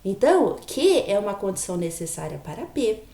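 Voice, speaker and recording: A woman's voice: medium pitch, big pitch swings, a little fast, dark tone, reverberant. A woman giving a logic lecture, patiently explaining and often checking in with her students. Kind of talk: recorded online lecture.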